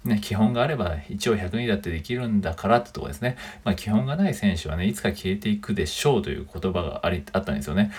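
A man from Japan talks quickly through a casual solo podcast, working through his own blog with lots of fillers and chatty asides. His voice is somewhat low and a little husky. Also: lively intonation, a little mellow. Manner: chatty, many fillers and tag particles. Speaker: podcast host.

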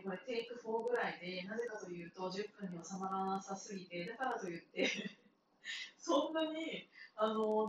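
A woman in her thirties talking casually on her own, rambling and chatty and often laughing. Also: mid-range voice. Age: 30s. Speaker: podcaster. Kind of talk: casual solo talk. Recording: very echoey room, far from the mic, with noisy background.

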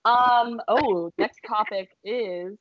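A woman's voice: fairly high pitch, slow pace, no room sound. A young woman co-hosting a podcast, chatting casually, giggly and swearing freely. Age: young adult. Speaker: podcast co-host. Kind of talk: casual chat. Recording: dull lo-fi sound.

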